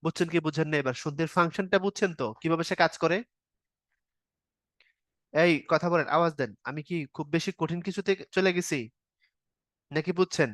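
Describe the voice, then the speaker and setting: Dry-voiced teacher explaining, fairly high man. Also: brisk, pauses often, fairly bright tone, no echo. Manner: explains step by step, asks the students questions; informal spoken style, casual verb forms. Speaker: grammar teacher. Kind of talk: online exam-prep lecture.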